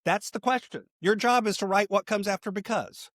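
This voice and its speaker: A middle-aged man, a podcast host and coach, telling stories in a relaxed conversational interview and acting out quoted people. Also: high-pitched, moderate pace, no echo, studio quality. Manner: storytelling, animated voices for quoted people.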